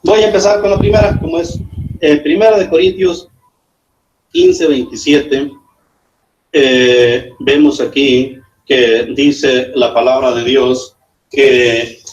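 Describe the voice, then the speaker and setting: A man, a pastor, arguing in a debate, hesitant with many fillers and sudden jumps in pitch. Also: fairly even intonation, takes it slowly, dull audio, a little hiss or hum. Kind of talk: spontaneous debate argument. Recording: echoey room.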